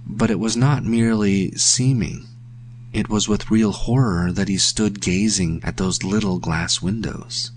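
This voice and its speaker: A man narrates a ghostly tale in a measured, hushed way. His voice sits a little low, and a faint hum lies under the reading. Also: steady tone. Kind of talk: scripted narration of a story.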